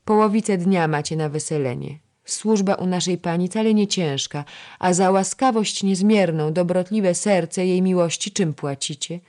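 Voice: medium pitch, moderate pace, darkish tone, voice pushed up, close to an everyday voice. A narrator voicing a strict, proper young lady-in-waiting who scolds her companions, in a historical storybook. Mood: scolding.

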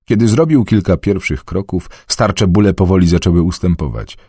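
Brief: male audiobook narrator, deep and husky, lively intonation. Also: no room sound, studio quality. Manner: measured, expressive reading.

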